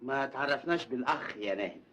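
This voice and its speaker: An actor playing a curt, suspicious young Egyptian fiancé. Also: male voice, medium pitch, fast, background noise, lightly acted. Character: jealous stiff young fiancé.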